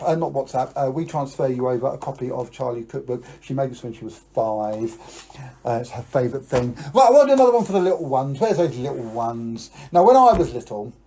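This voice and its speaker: British man, middle-aged, kids' party magician patter, mellow tone, medium pitch, audience-participation style. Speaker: children's magician and show host.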